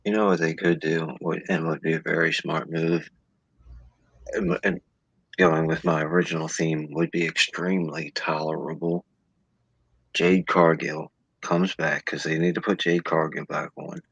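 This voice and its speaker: A man's voice: very deep voice, normal speed, gravelly, fairly bright tone, husky, no room sound, lo-fi sound. A man co-hosting a casual podcast chat, talking in a rambling, laid-back way. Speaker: podcast co-host.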